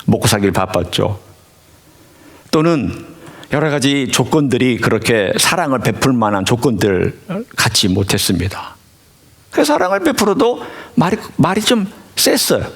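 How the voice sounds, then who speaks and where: A middle-aged male pastor preaching a sermon, telling stories and swinging between loud emphasis and hushed asides. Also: medium pitch, very animated, normal speed, gravelly, breathy edge.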